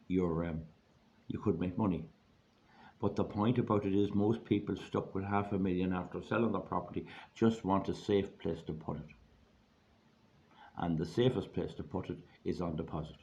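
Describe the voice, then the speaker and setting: A hoarse Irish man giving an informal, rambling monologue in a plain-spoken, folksy way, repeating phrases for emphasis. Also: sits low, a little mellow. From Ireland. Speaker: online video host giving money advice. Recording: dull lo-fi audio, faint background noise.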